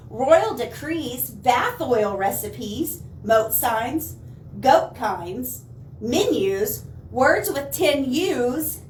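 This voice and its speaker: A children's librarian reads picture books aloud at an animated storytime, her voice high and slow. She gives words dramatic stress and slips in asides to the young audience. The mic sits at a distance, so the room echoes around her, with faint noise in the background.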